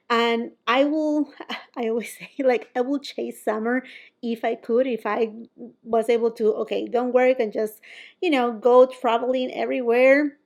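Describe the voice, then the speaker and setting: A woman's voice: a little high, darkish tone. A woman from Peru, chatting casually to camera as a beauty vlogger, often laughing and quoting herself.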